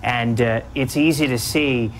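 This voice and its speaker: A man's voice: mid-range voice, steady tone, unhurried, poor audio. Male news anchor over noticeable background noise. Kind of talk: live storm coverage commentary.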